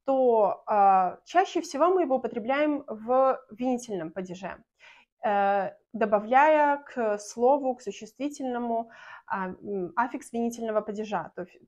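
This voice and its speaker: A young woman from Belarus teaching a language lesson to camera in a small room, speaking clearly and patiently and slowing down to model example sentences. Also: fairly high pitch, dull audio.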